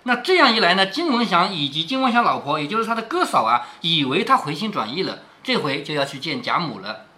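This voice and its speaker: A man's voice: a little high, very animated, fast talker, sharp tone. A man explaining a classic novel to his daughter, retelling the story and stopping often to ask rhetorical questions and explain old words.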